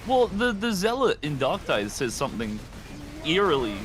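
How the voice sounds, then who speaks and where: A man's voice: on the high side, very animated, moderate pace. A man giving casual, informal commentary on a video game, with some swearing. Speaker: gaming co-commentator. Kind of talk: casual gameplay chat.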